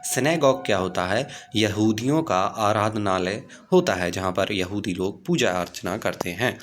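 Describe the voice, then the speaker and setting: A man teaching an exam vocabulary revision lesson, explaining in Hindi and reading English definitions slowly and deliberately. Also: on the low side, lively intonation, background noise.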